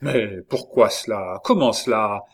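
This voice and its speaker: A man's voice: lowish voice, a little slow. A man doing a hot-headed young king. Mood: insistent. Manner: insistent, loud and pleading. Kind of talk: dramatized audiobook reading.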